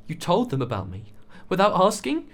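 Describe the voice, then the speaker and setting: A man's voice: mid-range voice, normal speed, pitched above the performer's own voice, close to an everyday voice. A man voicing a defensive, agitated young man who bursts out in raised, heated lines. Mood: angry.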